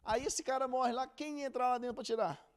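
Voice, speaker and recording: A man's voice: extremely high pitch, a little fast, clean tone. A man giving a casual, chatty Bible lesson, acting out quotes. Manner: chatty and animated, acts out quotes with laughter. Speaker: Bible teacher.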